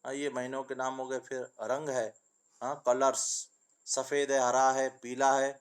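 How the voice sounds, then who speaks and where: A man's voice: mid-range voice, flat delivery, smooth. Patient man teaching children letters. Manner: patient, sing-song listing of words; addresses pupils as beta, asks and answers own questions. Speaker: Urdu teacher. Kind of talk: children's reading lesson.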